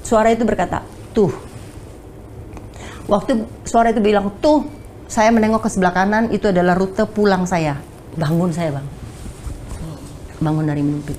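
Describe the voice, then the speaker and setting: A woman, telling her testimony as a guest in an animated, casual way, often turning to her listener. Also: medium pitch, moderate pace, pauses often, slight background noise. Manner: animated storyteller, acts out cries and keeps addressing the listener.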